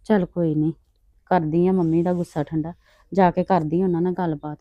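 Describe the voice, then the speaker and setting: A woman with a Punjabi accent plays a daughter-in-law who pleads with and tries to appease her mother-in-law. Her voice is mellow and sounds close and dry. The recording is slightly dull. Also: lowish voice, fairly even intonation, a little fast, dry recording. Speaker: daughter-in-law in a family drama. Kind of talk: scripted family drama acting.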